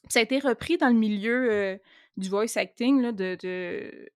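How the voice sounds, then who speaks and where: A woman's voice: on the high side, normal speed, no room sound, clean studio sound. A woman, a guest player on a podcast, talking with frequent hesitations. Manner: hesitant, many fillers. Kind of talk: casual podcast chat.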